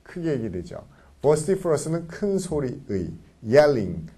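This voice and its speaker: A man's voice: a little high, very animated, measured pace, mellow, breathy edge. A man teaching English vocabulary to a class, talking animatedly and checking in with students again and again.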